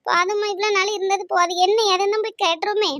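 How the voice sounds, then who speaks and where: A woman's voice: very high-pitched, flat delivery, fast, fairly bright tone, dry recording, clean studio sound. A woman voicing a coaxing young neighbour. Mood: reassuring. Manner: coaxing and reassuring.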